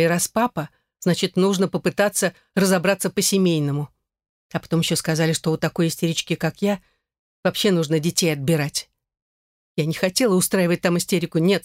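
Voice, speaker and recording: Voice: medium pitch, no echo, lightly acted. A reader voicing a desperate young mother in an audiobook, close and dry. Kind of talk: audiobook character reading.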